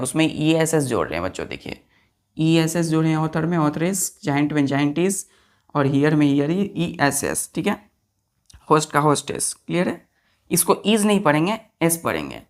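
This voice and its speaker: Woman teacher, low voice, lively swings in pitch, spells words out, repeats answers. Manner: keeps checking if students understood. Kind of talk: grammar lesson for students.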